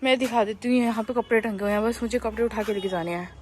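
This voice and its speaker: A woman's voice: a little high, fairly even intonation, fast talker, a little mellow, reverberant, a little hiss or hum, rough recording. A young woman with a sore throat who chats casually to her viewers in a home vlog, mixing in English words and calling her audience guys. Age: young adult. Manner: chatty, mixes Hindi and English, addresses viewers as guys. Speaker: vlogger. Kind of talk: casual vlog narration to camera. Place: family home, kitchen and rooftop.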